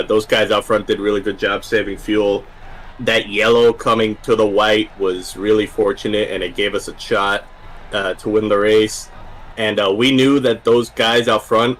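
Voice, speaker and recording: A man's voice: lowish voice, a bit bright, rough recording. A man who is a race driver guest, talking in a casual interview, rambling a little with frequent fillers.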